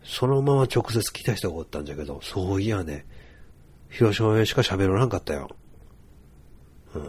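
A man speaking with a Hiroshima dialect in a relaxed, rambling casual monologue, full of fillers. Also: low voice, normal speed, husky.

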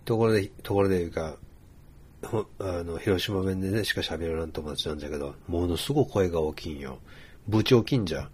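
A man speaking with a Hiroshima dialect in a relaxed, rambling casual monologue, full of fillers. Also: low-pitched, fast talker, husky.

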